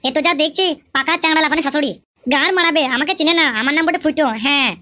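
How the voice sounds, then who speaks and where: Hot-headed young son-in-law played by a woman, bright, fast-talking and grumbling. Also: high voice, steady tone, dry recording. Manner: grumbling, rapid, swearing. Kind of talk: comic village skit.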